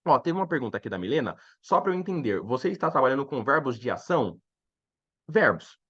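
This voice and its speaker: A man with a Brazilian Portuguese accent teaching English in a live online lesson, slowly repeating each word twice and chatting with viewers. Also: medium pitch, slightly rough, highs cut off. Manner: chatty, animated explaining to viewers.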